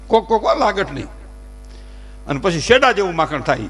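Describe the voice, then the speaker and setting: A high-pitched man spins humorous folk stories for a live crowd. He talks in an animated way, slips into characters' voices and presses his points with preachy emphasis. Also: brisk, soft background music. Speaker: folk storyteller at a dayro.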